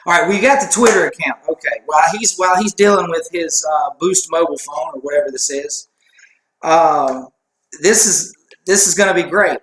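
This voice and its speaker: A man's voice: fairly high pitch, normal speed, fairly bright tone. A man co-hosting a casual sports chat show, rambling and joking at his own expense. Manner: rambling, joking, self-deprecating. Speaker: co-host. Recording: echoey room.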